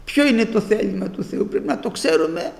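A man's voice: high-pitched, lively intonation, creaky, darkish tone, reverberant, big-room sound. A man preaching a sermon with fervour, his voice rising into exclamations as he speaks.

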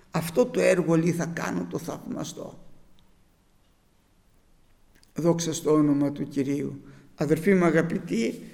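High gravelly male preacher in a reverberant hall. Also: darkish tone. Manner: emphatic, quoting scripture with rhetorical questions. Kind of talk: sermon.

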